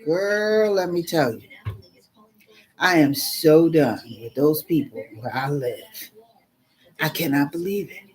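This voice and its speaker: A middle-aged woman in casual storytelling mode, animated and fed up as she recounts what happened. Her voice sits a little low for a woman, and she keeps turning to the listener as "girl". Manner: animated, exasperated, addresses viewer as "girl". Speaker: vlogger.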